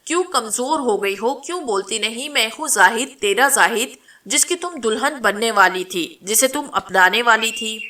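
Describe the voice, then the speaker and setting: A woman's voice: on the high side, expressive, pushed and bright, distant mic. Woman voicing a frantic young man. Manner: anguished, frantic calling. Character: young man, frantic over his stricken bride.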